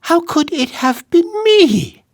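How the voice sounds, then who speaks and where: A man voicing a bewildered, tipsy male court jester dwarf in a strained, halting voice. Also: extremely high pitch, sing-song, dry recording, clean studio sound, pitched above the performer's own voice, full character voice.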